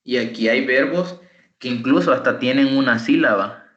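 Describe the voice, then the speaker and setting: A man's voice: mid-range voice, normal speed, a bit bright. Guy teaching english over a call, patient, checks in a lot, kinda muffled sound. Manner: patient, explaining step by step with frequent "¿verdad?". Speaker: English tutor. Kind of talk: online teaching.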